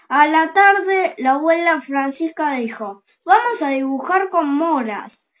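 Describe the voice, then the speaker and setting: A reader telling a children's story aloud, with gentle and unhurried storytelling. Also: high-pitched, lo-fi sound. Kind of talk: slow storybook reading aloud.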